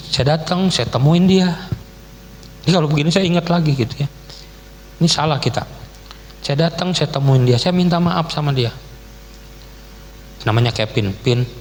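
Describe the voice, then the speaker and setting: A man's voice: mid-range voice, slight background noise. A middle-aged man preaching a casual, joking sermon as a guest pastor, full of slang. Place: church hall. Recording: church PA with long reverb.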